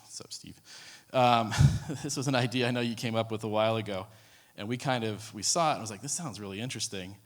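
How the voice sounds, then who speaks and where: In a conference room, a low-voiced man gives a talk in a casual way, with lots of ums, false starts and restarts. A long, hall-like reverb hangs on his voice.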